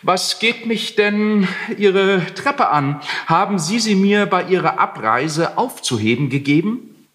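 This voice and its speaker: A sly young tenant who meets his angry landlord with overdone politeness and ironic evasions, as a man reads him aloud in a literary reading. The voice sits raised above the reader's own and swings lively through each sentence. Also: sits high, takes it slowly, pitched above the performer's own voice, full character voice. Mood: mock-polite. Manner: exaggeratedly courteous, ironic.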